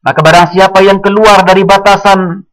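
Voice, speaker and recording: A man giving a religious study lecture, speaking in a measured way and quoting Arabic passages. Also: high voice, steady tone, low-quality recording. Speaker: Islamic teacher.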